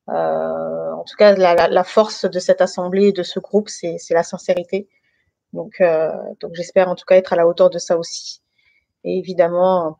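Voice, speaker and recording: A woman's voice: on the low side, darkish tone, no echo, highs cut off. A woman born in France to Guinean parents, speaking casually and with many hesitations while she gives a faith testimony and leads a prayer over an online call from her living room. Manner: hesitant, many fillers and restarts. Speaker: guest giving a faith testimony.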